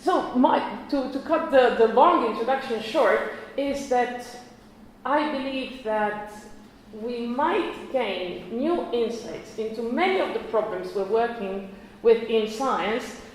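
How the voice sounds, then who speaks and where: A Croatian-born woman gives an academic conference talk in a very echoey hall, her fairly high, slightly mellow voice carrying a little hiss or hum. She's chatty, often restarting, correcting herself and laughing softly.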